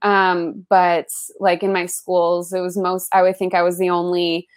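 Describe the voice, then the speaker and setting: This is a writer being interviewed casually, a young adult woman from the Bay Area in the US who grew up speaking Spanish. She talks at a measured pace in a lowish, clean voice, peppering her speech with "um" and "like" and livening up as she tells stories.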